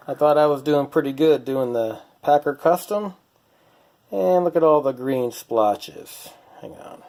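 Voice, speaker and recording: A man's voice: medium pitch, warm tone. Chatty man showing his model cars. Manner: chatty, self-deprecating, wry. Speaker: hobbyist channel host. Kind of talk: casual workshop vlog.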